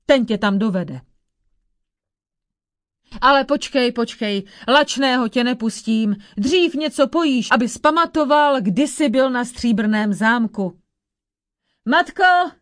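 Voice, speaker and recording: A woman voicing a male giant, the lord of a silver castle, gruff and blunt but hospitable in a storybook tale. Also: a little high, no room sound, clean studio sound, lightly acted.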